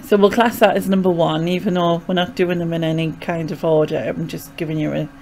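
Young mackem lass from sunderland, gravelly fry in her voice, rambly casual vlog chat up close on a mic. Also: on the low side, fairly even intonation, a little fast, a little mellow. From North East England. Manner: hesitant, rambling, chatty. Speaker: vlogger. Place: small bedroom indoors. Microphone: desk microphone with pop filter, close.

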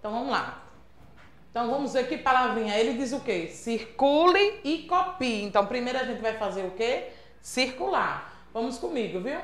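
Speaking a little fast, a woman teacher from Sergipe, Brazil, leads an online class for small children in a room with echo. Her voice is fairly high, expressive and fairly bright. She coaxes patiently in a melodic, teacherly style and keeps asking "certo?" to check in.

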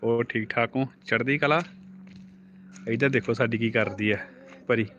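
A man live-streaming as he plays with his toddler, switching between high playful baby talk and a relaxed aside to viewers. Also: normal speed, highs cut off, a little hiss or hum. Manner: playful baby talk, high and animated when talking to the child. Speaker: vlogger.

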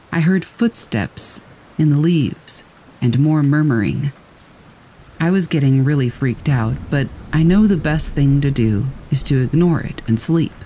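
A man with a mid-range voice narrates scary stories from a script, captured in low quality. Throughout, the sound of rain carries on steadily behind and over his words.

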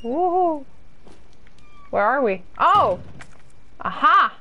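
A young woman from the UK speaks very slowly in a high, sing-song voice while streaming a horror game in a small room. She chats with her audience, reading their messages aloud and replying in a self-deprecating manner. The sound is lo-fi.

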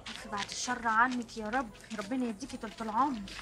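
A woman's voice: a little high, steady tone, fast talker, natural voice. An actress with an Egyptian Arabic accent playing a neighborhood woman who soothes an older aunt with kind words. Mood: soothing. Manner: placating, kind. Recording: distant with background noise.

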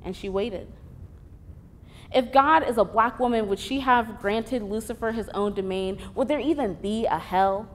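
Young woman reading her own essay. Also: on the high side. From Columbus, Ohio. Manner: measured, deliberate reading with vivid emphasis. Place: theater stage. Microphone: stand mic.

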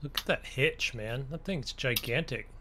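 A man's voice: medium pitch, normal speed, sharp tone, a little hiss or hum. A man chatting casually as a player in a video game role-play.

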